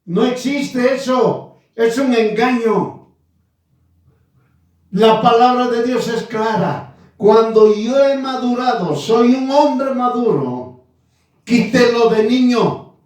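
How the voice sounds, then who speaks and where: A man in his nineties preaching a sermon, slow and emphatic, repeating his phrases. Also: extremely high pitch, expressive, a little mellow. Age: 90s. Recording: echoey room from far off.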